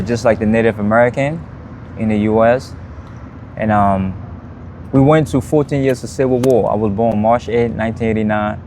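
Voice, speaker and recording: A man in his thirties from Liberia, speaking with a Liberian accent, telling his life story as an interview guest in a plain, steady way. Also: on the low side, slight background noise. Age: 30s.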